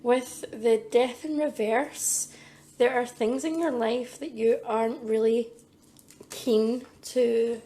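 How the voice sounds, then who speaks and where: A woman who is a psychic medium giving a pick-a-card tarot reading, hesitant with many ums, losing her voice and clearing her throat. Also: fairly high pitch, steady tone, takes it slowly, warm tone, echoey room.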